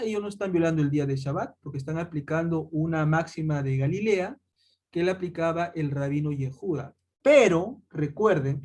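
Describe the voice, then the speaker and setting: A man's voice: sits high, darkish tone. A man teaching a Bible lesson, calling his listeners "chicos" and answering his own questions as he goes. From Peru. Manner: addresses listeners as "chicos", asks rhetorical questions.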